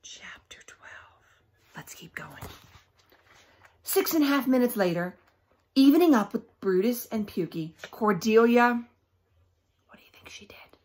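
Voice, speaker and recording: A woman teacher reads a children's book aloud with lots of expression, often pausing for emphasis and to ask her young listeners questions. Her voice is a little high and darkish in tone, with lively intonation.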